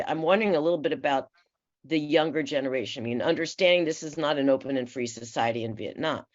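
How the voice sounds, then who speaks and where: A woman from the San Francisco Bay Area who sits on a commission, questioning panelists at a formal hearing in a measured, polite way with frequent fillers. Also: extremely low pitch. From San Francisco Bay Area, USA. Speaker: commission member. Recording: muffled, slightly dull audio.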